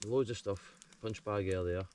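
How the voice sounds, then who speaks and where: Man, Scottish accent, lowish voice, laid-back chat, tired, outdoor camp. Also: steady tone, moderate pace, a little mellow. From Scotland. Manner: chatty, laid-back, breaks into banter. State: tired after a hard hike. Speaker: outdoor vlogger. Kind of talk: casual outdoor vlog chat. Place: outdoors by a campfire on a wooded shore.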